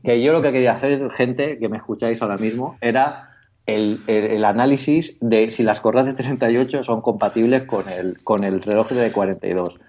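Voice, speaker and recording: A man's voice: on the low side, a little mellow. A man hosting a podcast, telling a rambling, self-mocking story with lots of laughter and restarts. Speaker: podcast host. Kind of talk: casual storytelling chat.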